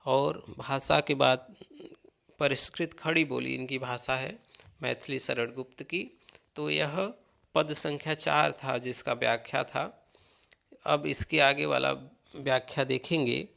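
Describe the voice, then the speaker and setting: A man's voice: medium pitch, fairly even intonation, slow pace, creaky, sharp tone. A man teaching a Hindi poetry lesson, reading verses aloud and then explaining each line.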